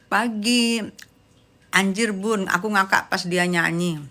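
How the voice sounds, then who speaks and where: A woman's voice: mid-range voice, slow pace, sharp tone. A young adult woman hosts a live stream, chatting casually with viewers and reading their comments in a sassy, teasing way full of slang. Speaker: livestream host chatting with viewers.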